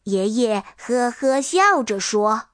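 Woman narrator for a children's storybook, high, unhurried, gentle. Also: lively intonation, no echo, studio quality. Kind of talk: storybook read-aloud narration.

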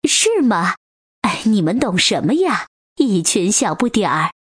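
A woman's voice: mid-range voice, sing-song, measured pace, slightly rough, no room sound, studio quality. A woman voicing a male tyrannosaurus in a children's storybook, a bewildered new father who stammers and sounds flustered. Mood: dismissive.

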